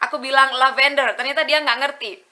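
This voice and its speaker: A woman's voice: on the high side, moderate pace. A young woman from Indonesia with an Indonesian accent, talking casually to camera in a vlog and explaining things with examples. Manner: animated, switching between two languages, explaining with examples. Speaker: vlogger.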